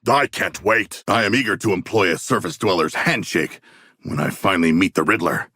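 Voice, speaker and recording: A man playing a hulking, earnest shark warrior in a video game, speaking in stilted, grandiose, formal phrases with a gravelly, rough voice. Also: low voice, normal speed, pushed and bright, dry recording, studio quality, heavily acted. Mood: dry, thoughtful. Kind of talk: video game character voice lines.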